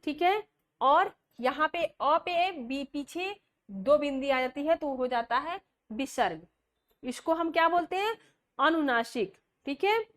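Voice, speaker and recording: A woman's voice: high voice, fairly bright tone. A woman teaching a grammar lesson, explaining step by step, posing questions and answering them herself, and spelling out sounds one by one. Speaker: Hindi teacher. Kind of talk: classroom lecture.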